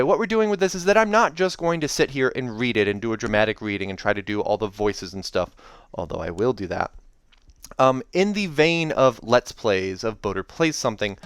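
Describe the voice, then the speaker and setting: This is the clean-toned, mid-range voice of a man who hosts a reading series. In a casual video, he rambles chattily about a book, reads it aloud, and corrects himself often, all with soundtrack music behind him.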